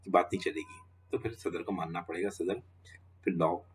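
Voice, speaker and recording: A man's voice: low voice, moderate pace, a little hiss or hum. A man giving a law lecture, walking students through each step and repeating questions back to the class.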